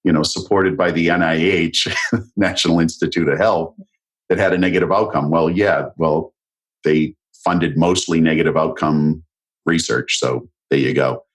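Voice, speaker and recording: A man's voice: rumbling low, fairly even intonation, moderate pace. A man hosting a podcast interview who affirms his guest with enthusiasm and drifts into tangents. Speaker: podcast host. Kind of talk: casual interview conversation.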